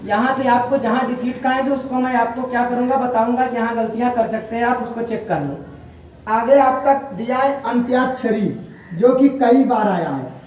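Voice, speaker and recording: A man teaching a Hindi spelling lesson, drilling each word slowly and calling his students "beta log". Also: very high voice, darkish tone. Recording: far-off echoey dull room sound with faint noise.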